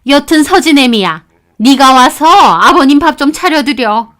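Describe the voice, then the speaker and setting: A woman's voice: high-pitched, expressive, unhurried, a bit bright. A woman voicing a nagging, domineering older mother-in-law who scolds her daughter-in-law. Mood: scolding. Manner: scolding, contemptuous. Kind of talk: storytelling radio acting.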